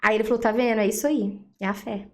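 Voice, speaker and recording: A woman with a Brazilian Portuguese accent sits as a guest and tells her testimony of faith in a somewhat high voice. She speaks as an animated storyteller. She steps into each line of dialogue she quotes and acts it out. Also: quick pace. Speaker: interview guest.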